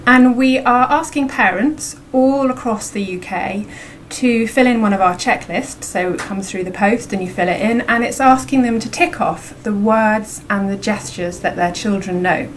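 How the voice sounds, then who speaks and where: A woman's voice: on the high side, a little hiss or hum, rough recording. A woman, an academic researcher, explaining conversationally in an interview.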